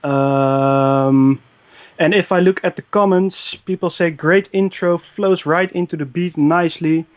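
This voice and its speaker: Guy reviewing a tune, lots of uhs, higher voice, muffled mic. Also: steady tone, unhurried. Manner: hesitant, many fillers. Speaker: show panelist. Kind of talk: casual track review. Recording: dull lo-fi mic.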